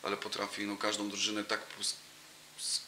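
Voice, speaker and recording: Here the coach, a man in his thirties, talks briskly in a fairly low, sharp voice with a completely flat delivery. As an interview guest he chats loosely, restarting often and using many fillers. A table mic in front of him captures it in a roomy, noisy cafe space with a brick wall and sofa.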